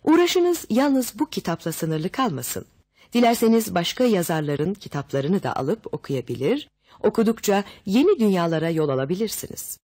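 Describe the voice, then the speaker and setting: A woman's voice: medium pitch, very animated, normal speed, husky, dry recording, clean studio sound. A woman narrating a children's story summary and speaking directly to listeners. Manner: warm direct address to listeners. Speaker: audiobook narrator.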